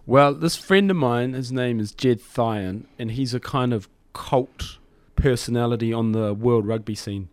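With a broad New Zealand accent, a middle-aged man who works as a hip-hop DJ and MC chats casually as a studio interview guest, his phrasing loose and rambling. His mid-range voice moves at a measured pace with few pauses, and the recording is dry, with no room around the voice.

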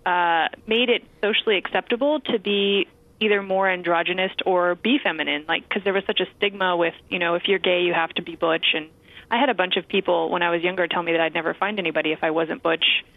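A woman's voice: lowish voice, fairly even intonation, fast, dry recording. A woman being interviewed as a guest actress and comedian, speaking candidly and laughing easily. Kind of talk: casual interview chat. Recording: tinny phone line.

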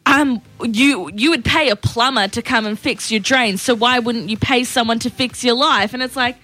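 A woman on breakfast radio rambles through her opinions in loose, filler-filled banter. Her voice is bright and a little high, and faint music plays behind her. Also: moderate pace, no echo. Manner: chatty, opinionated, lots of fillers.

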